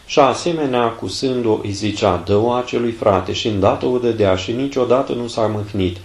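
A man narrating a saint's life aloud in a measured, solemn reading. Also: mid-range voice, echoey room.

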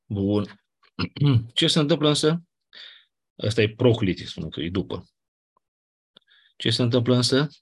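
A man's voice: mid-range voice, expressive, long pauses, breathy edge. A man teaching a grammar lesson in a casual, explanatory way, often checking with his listeners. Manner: explanatory, colloquial asides, checks with "nu?". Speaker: Greek teacher. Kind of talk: classroom lecture on Ancient Greek grammar.

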